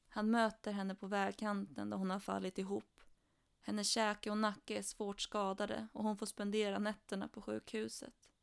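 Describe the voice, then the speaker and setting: Flat, gravelly woman telling true crime. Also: mid-range voice.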